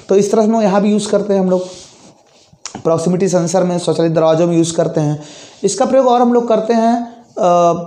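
A young man delivers a fast physics lesson in a high, mellow voice, stopping often to check the class is following. He explains with everyday examples. The sound is echoey, as if recorded in a bare room. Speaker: physics teacher. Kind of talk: classroom lecture.

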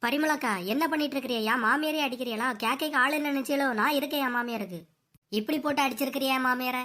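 A scheming young daughter-in-law in a cartoon, voiced by a woman, with a Kanyakumari Tamil accent. She rattles along quickly in a bright, fairly high voice and sounds quick-tongued and mocking.

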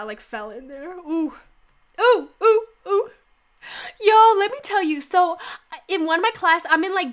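Her voice sits high and a bit bright: a teenage girl, congested from a cold, chatting casually as she plays games for YouTube. She rambles, uses "like" a lot, and yelps and laughs mid-play.

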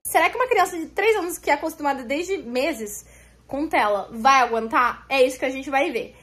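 Recording on her phone camera inside her home, a young vlogger mom films her family and chats warmly with viewers. Her voice is high-pitched at a moderate pace, lively and talkative, with faint music playing in the background.

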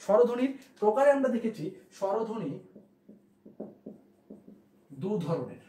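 A male teacher with a fairly high voice, giving a grammar lesson in a reverberant room. He walks through each point slowly, says the key ideas again and again, and keeps asking his class questions. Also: sing-song, mellow. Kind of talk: classroom lesson explaining at a board.

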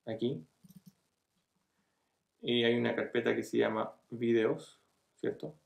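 A middle-aged man talks a viewer through a screen-recorded tutorial in a relaxed, step-by-step way, often stopping to check they are following. His voice has a gravelly edge and sits at an ordinary pitch. The sound is echoey, picked up by a desk webcam in a small room. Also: slow pace. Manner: casual step-by-step explaining with frequent checks like "¿cierto?". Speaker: online marketing tutor.

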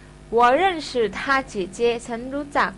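A woman's voice: takes it slowly, slight background noise. A woman teaching a Chinese language class, explaining patiently step by step with polite particles. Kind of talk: classroom lesson.

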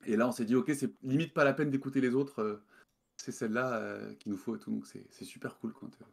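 A man's voice: medium pitch, steady tone, a little fast, vocal fry. A man from France, a game developer guest, talking casually in an interview over a video call, hesitant with many fillers and restarts.

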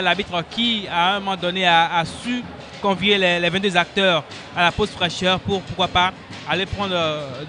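A man giving animated live football commentary and analysis, halting and repeating words as he explains. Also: sits high.

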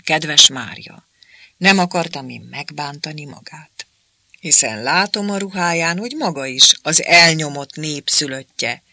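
Officious young interpreter, voiced by a male reader: sneering, preachy, bright and cutting tone. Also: on the high side, dry recording, heavily acted. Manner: mocking, then falsely friendly and preachy.

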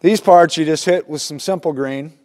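In a small wooden workshop, a middle-aged man at an indoor workbench walks through a repair step by step as the instructor of a how-to video. His plain-spoken, folksy demonstration talk is casual, delivered at a moderate pace in a slightly high, slightly mellow voice.

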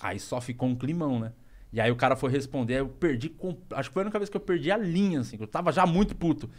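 A man, a stand-up comedian telling stories as a guest on a podcast, slangy and animated, swearing freely. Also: medium pitch, rapid-fire. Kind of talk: casual storytelling on a podcast.

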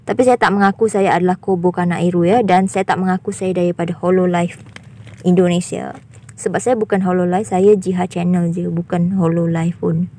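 A young woman with a husky, raspy voice sitting a touch low. She addresses her viewers in a vlog monologue. She sounds firmly indignant and repeats herself for emphasis. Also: warm tone. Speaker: YouTuber.

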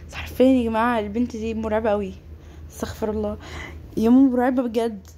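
Fast excitable woman gamer. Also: fairly high pitch, a little hiss or hum. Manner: excitable, exclaiming often. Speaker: gaming YouTuber. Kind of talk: game voice-over commentary. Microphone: home microphone voice-over.

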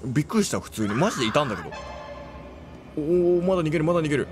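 A man casually commentating his playthrough of a horror game, chatty and quick to react with exclamations. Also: on the high side, very animated, music in the background.

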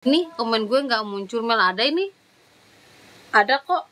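A young woman, eight months pregnant, chatting casually in a vlog, slangy and quick to exclaim in surprise. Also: a little high, animated, bright, forceful tone. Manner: chatty, slangy, with frequent startled religious exclamations. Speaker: vlogger. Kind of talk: casual chat.

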